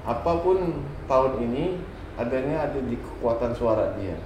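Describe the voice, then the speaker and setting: A man's voice: mid-range voice, animated, normal speed, distant mic. A man explaining a character reading in conversation, didactic and emphatic, often checking with tag questions. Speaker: guest fortune reader. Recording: very echoey room, faint background noise.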